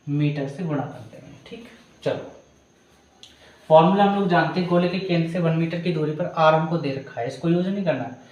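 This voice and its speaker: A man teaching physics, working a problem step by step and calling students "beta". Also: fairly high pitch. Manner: calls students "beta", walks through each step. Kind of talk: step-by-step problem solving lesson. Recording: very echoey room.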